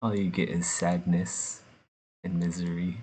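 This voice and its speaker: Sculpting on stream, a man from the United States rambles and jokes, breaking into laughter often. He speaks a little slowly in a low, level, warm voice that has a slight roughness to it.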